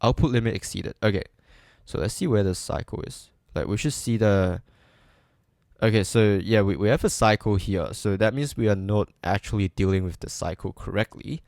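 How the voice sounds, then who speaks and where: A coding streamer with a low, gravelly, darkish voice thinks aloud while live coding, moving at an unhurried pace. He hesitates a lot, full of ums and restarts, and pokes gentle fun at his own mistakes. The recording is dry, with no room sound.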